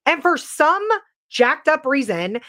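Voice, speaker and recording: A woman's voice: sits high, very animated, takes it slowly, a bit bright. A woman hosting a podcast, telling stories in a casual, chatty way with plenty of filler words. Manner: chatty, filler-heavy storytelling. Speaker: podcast host. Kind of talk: casual chat.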